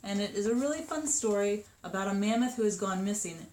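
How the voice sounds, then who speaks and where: A woman in her thirties chatting upbeat about children's books, with lots of ums and quick asides. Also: medium pitch, animated, a little mellow. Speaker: children's book seller. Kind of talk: casual book showcase. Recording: echoey room with faint noise.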